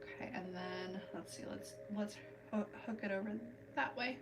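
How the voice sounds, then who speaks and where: A woman does her manicure at home on a casual livestream, talking to chat and explaining each step as she goes. Her voice is mid-range and her pace moderate. She's far from the mic, and there's background noise.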